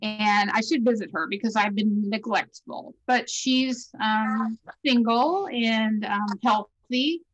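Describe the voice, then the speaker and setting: A chatty woman in her sixties speaks over a video call with a slightly high voice. She tells family stories freely and keeps talking without pause. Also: lo-fi sound. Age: 60s. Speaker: class reunion attendee. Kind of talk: casual video call chat.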